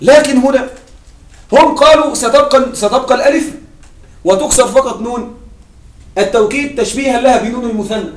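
A man teaching an Arabic grammar lesson to a class, asking questions and answering them himself, repeating key points slowly for emphasis. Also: very high voice, a little hiss or hum. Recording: echoey room, mic at a distance.

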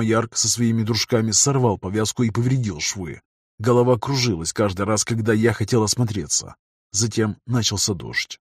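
A man narrating a first-person audiobook in an even, measured reading. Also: fairly low pitch, breathy edge, no room sound, clean studio sound.

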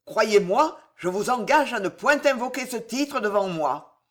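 A woman voicing a harsh old male constable in an audiobook, speaking gruffly and with scorn. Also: fairly high pitch, lively intonation, drawn-out words, darkish tone. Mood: furious. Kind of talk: audiobook reading.

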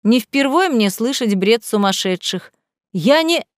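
Woman voicing a defiant young female captive, raised pitch, sharp and indignant, storybook reading, dry sound. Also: animated, a little slow, no echo. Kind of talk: audiobook reading.

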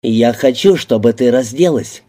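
A smug, coercive man who speaks with slow, even, coaxing menace, as the reader gives him voice. His voice is very dark and mellow, held at a middling pitch. His words come out level and unhurried in this audiobook reading. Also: natural voice. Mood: commanding.

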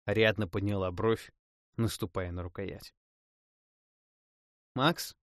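A man's voice: lowish voice, normal speed, no room sound. Male audiobook narrator, dry close sound. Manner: dramatic, expressive reading. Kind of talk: first-person fantasy audiobook narration.

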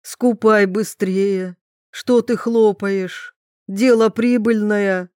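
A woman reading a pushy, greedy lady who hectors and urges, voiced a little higher than her own voice. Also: steady tone, extremely slow, darkish tone, no room sound, clean studio sound. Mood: hectoring. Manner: hectoring, urgent.

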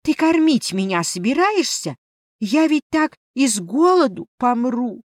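A woman's voice: sits high, very animated, measured pace, dry recording, clean studio sound, pitched above the performer's own voice. A woman doing a sulky winged mouse familiar. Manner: sulky, drawling and sarcastic. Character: grumpy cheeky small male winged mouse familiar.

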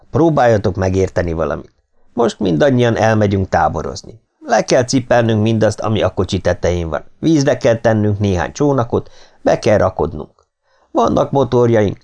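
A man voicing a cold, commanding middle-aged kidnapper who gives calm threats. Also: fairly low pitch, creaky. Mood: threatening.

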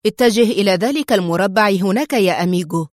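A woman voicing a menacing male crime boss who speaks in a cold, stern, deliberate way. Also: mid-range voice, no echo, studio quality, lightly acted. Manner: stern, slow and icy.

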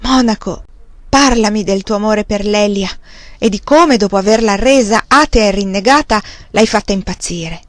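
A woman's voice: medium pitch, moderate pace, no echo, close to an everyday voice. Woman reading as a cynical tormented young man.

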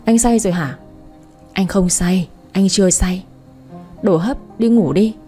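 A woman reading the part of a drunk young husband, speaking in a slow, drawn-out, whiny slur. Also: medium pitch, dark tone, faint music behind, lightly acted. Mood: drunk wheedling. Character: drunk young husband, slurring, clingy and tender.

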